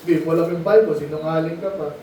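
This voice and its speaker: High-voiced man preaching to children. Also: steady tone, quick pace, mellow, a little hiss or hum. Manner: conversational, asks the children questions. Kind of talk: Bible lesson sermon in Tagalog. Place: mission meeting space. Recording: muffled, echoey room, distant mic.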